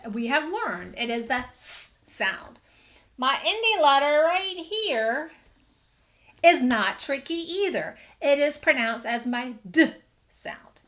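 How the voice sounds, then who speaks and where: A woman teacher speaks to young children over a webcam, sounding out each letter slowly and with exaggerated care. Her voice sits high and bright, and her pace stays gentle and unhurried so little ones can follow. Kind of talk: remote phonics lesson for young children.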